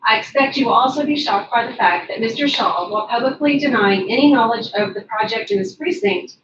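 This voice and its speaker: A woman's voice: a little high, expressive, fairly quick. Woman reading a firm statement, echoey hall. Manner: formal, firm. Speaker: public commenter at county court. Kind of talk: reading a prepared public statement. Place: county commissioners courtroom. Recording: echoey, distant, dull and noisy.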